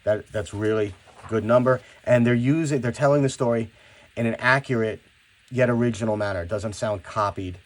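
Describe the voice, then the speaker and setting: A man's voice: mid-range voice, moderate pace. A male teacher talking students through finishing and checking a class project, in a conversational way that often repeats words as he starts a sentence. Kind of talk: classroom instruction video.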